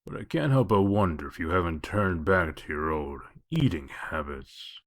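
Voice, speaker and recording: A man plays a hard-boiled wolf detective in a comic drama. His voice sits very low, and he gives orders and dry jabs with gruff, sardonic menace. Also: expressive, moderate pace. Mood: sardonic, menacing. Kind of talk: comic dub voice acting.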